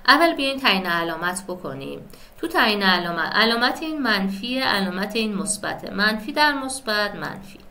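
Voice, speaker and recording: Woman math teacher, bright-toned, patient step-by-step classroom explainer. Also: medium pitch. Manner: addresses students as kids, checks with "right?".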